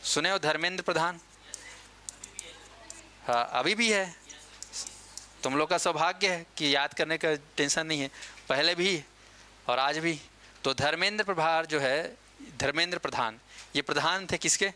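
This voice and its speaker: A man teaching a coaching-class lecture in a casual, chatty way, quizzing students and answering himself, slowing down to dictate key terms. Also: a little high, pushed and bright, slight background noise.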